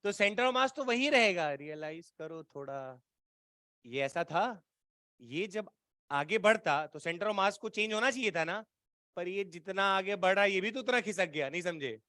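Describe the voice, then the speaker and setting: A man's voice: sits high, lively intonation, a little slow, pushed and bright, no room sound. Coaxing male physics teacher, dry sound. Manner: checks in with students often, coaxing and repetitive; colloquial, playful teasing tone. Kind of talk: exam-prep physics lecture.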